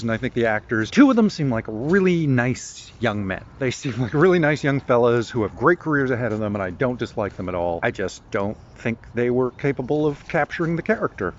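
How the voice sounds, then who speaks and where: A man's voice: medium pitch, lively intonation, fast, few pauses, dull audio, a little hiss or hum. A man rambling bluntly through a casual vlog monologue on a morning walk with his dog outdoors. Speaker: vlogger.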